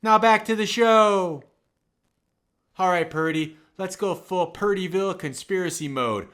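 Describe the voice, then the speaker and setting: A male comedy host in wry banter, setting up jokes and calling breaks. He speaks slowly with a bright, slightly raised voice. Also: high voice, clean tone.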